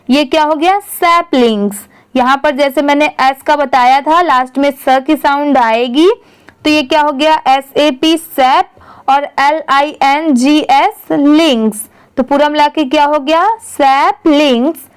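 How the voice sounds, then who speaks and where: Woman teacher, high voice, slow, spells every word out letter by letter then blends it. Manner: spells words letter by letter, then sounds them out; patient, explains in Hindi with English words. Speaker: English reading teacher. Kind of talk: online reading lesson.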